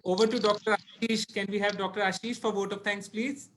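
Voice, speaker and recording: A man with an Indian English accent moderates a webinar over a video call, polite and formal as he hands over to speakers. His voice sits high for a man. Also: little pitch movement, a little fast, a bit bright, a little hiss or hum. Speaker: webinar co-host.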